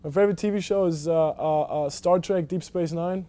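A man's voice: fairly high pitch, fairly quick, mellow. A young man from Germany, a college basketball player, answering interview questions casually with many fillers and restarts. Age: young adult. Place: empty indoor basketball arena.

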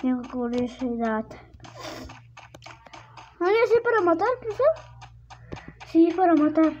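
A young girl giving casual gameplay commentary as she plays, excitable and prone to squealing with surprise. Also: sits high, measured pace. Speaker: gameplay video host. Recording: lo-fi recording with clear background noise.

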